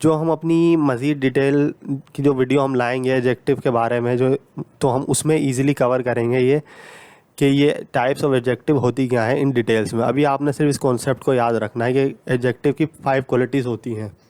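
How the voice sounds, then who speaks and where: A man gives a grammar lesson at a mid-range pitch. He explains patiently and goes over each point again, dropping English grammar terms into his sentences. The sound is dry and close, with no room echo. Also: steady tone, moderate pace, darkish tone, clear, resonant tone.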